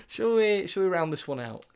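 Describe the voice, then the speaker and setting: A man's voice: high-pitched, vocal fry, heavy background noise. A man with a Northern English accent hosting a film podcast in an informal, jokey, sweary chat style. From England. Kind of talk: casual chat.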